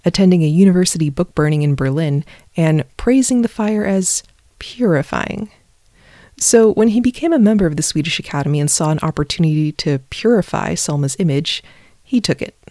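A woman host narrating history from a script, with wry, conversational asides on a low-budget home mic. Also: warm tone, dry recording, studio quality.

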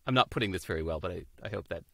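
Speaking in a low, creaky, slightly bright voice that's animated and racing, an American guest in his fifties joins a casual interview chat over video from a home room indoors. He comes across as thoughtful, hunting for words and laughing readily; the sound is clean studio quality with no room sound.

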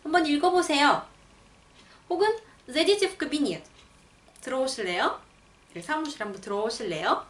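A young woman teaching a language lesson, explaining patiently and reading example sentences slowly and clearly. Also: high-pitched, animated, a bit bright. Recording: roomy, a bit far from the mic.

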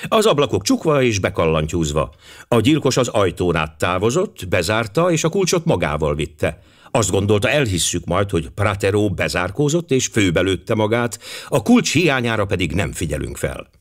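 A man reading an audiobook voices a blunt, hearty male police inspector who speaks with brisk authority. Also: fairly low pitch, very animated. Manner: hearty, commanding, quick to conclude.

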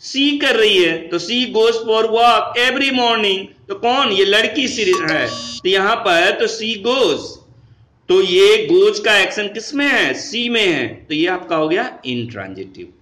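A man's voice: high voice, sing-song, slow, bright, forceful tone, echoey room, slight background noise, rough recording. A man with an Indian accent teaching English grammar, mixing Hindi and English and asking his students questions, then answering them himself.

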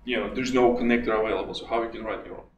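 A man with a Russian accent giving a conference talk, halting with many restarts and fillers. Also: lowish voice, level tone, a little hiss or hum. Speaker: conference speaker. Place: conference hall. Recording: echoey hall from far off.

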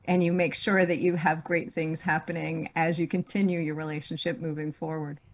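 A middle-aged woman, a business leader, telling a personal story as a guest on a podcast, animated and restarting her phrases. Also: sits low, brisk. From grew up on a farm.

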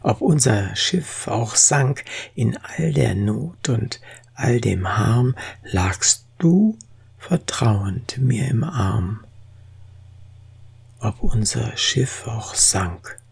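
Someone recites poetry solemnly and expressively, phrasing each line with care. The voice sits in the mid-range and sounds breathy and husky.

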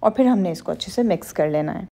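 A woman's voice: fairly low pitch, lively intonation, quick pace, vocal fry, dark tone. A woman hosting a cooking channel, giving a step-by-step baking lesson in a reassuring, instructive voice-over. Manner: instructive, reassuring, addresses women viewers directly.

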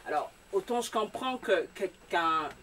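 A woman host in a mid-range voice who questions a guest author with lively curiosity and laughs easily. She sounds distant from the mic, with a faint hum of the room. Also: mid-range voice, unhurried. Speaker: columnist host. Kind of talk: talk-show interview.

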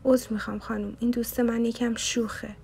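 A woman reading the part of a calm, earnest young male medical student. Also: fairly high pitch, gravelly, a little hiss or hum. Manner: calm, restraining.

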